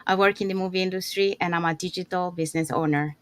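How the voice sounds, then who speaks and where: A woman's voice: fairly low pitch, fairly even intonation, fast, no echo. A woman from Panama speaking as a panelist in a brief, practical way.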